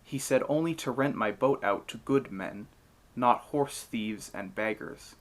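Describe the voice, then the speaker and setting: A man's voice: mid-range voice, unhurried, natural voice. A man voicing an insolent old ferryman in a myth retelling, mocking and provoking.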